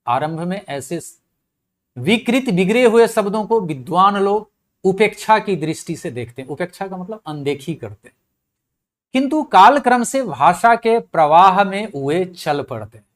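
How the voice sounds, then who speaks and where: A middle-aged male lecturer speaks at an unhurried, deliberate pace, his voice sitting a little high. He punches out each example word and then lets his voice fall back as he explains. He keeps asking rhetorical questions as he teaches step by step. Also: expressive. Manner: explanatory, repeats key words and asks rhetorical questions; stresses example words loudly, then drops his voice. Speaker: Sanskrit linguistics lecturer. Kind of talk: classroom lecture in Hindi with English terms.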